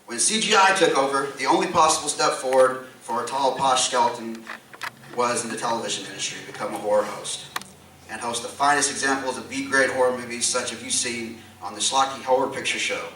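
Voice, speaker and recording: A man's voice: mid-range voice, fairly quick, pushed and bright. A man giving a tongue-in-cheek award induction speech at a convention, reading aloud to the room. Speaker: presenter inducting an award honoree. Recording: echoey hall, distant mic, background noise.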